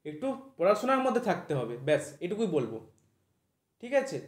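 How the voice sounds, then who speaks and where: Male tutor, quick high voice, keeps checking "thik ache?", roomy echo. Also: sing-song. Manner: repeats "thik ache?" after nearly every point, spells words out slowly. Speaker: English teacher for exam preparation. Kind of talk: online vocabulary lesson.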